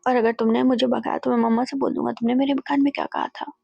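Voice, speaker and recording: A woman's voice: a little high, flat delivery, fast talker, creaky, a little mellow, breathy edge, no room sound, muffled recording. A woman voicing a stubborn, cheeky ten-year-old boy who keeps pestering with insistent questions.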